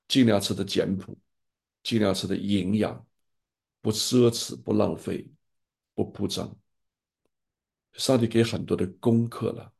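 Gravelly low-voiced older male pastor. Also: darkish tone. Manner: earnest, fatherly advice-giving. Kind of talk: pastoral sharing in an online group.

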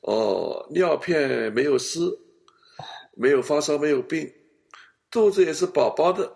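Male pastor, animated storyteller with a gravelly edge; counseling talk. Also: a little high, a little slow. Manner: animated storyteller, acts out family scenes.

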